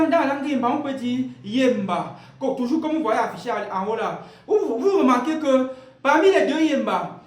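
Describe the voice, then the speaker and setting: A man teaching an online language lesson, explaining patiently and repeating himself, often asking rhetorical questions before he answers them. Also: extremely high pitch. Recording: roomy echo.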